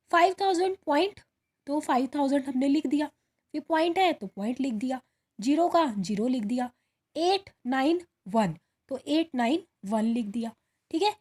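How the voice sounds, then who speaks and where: A primary school teacher works through a worksheet in a recorded lesson for children, patiently guiding young pupils step by step and often checking they follow. She keeps saying "ठीक है" and calls the pupils "बेटा", her voice high and a little mellow.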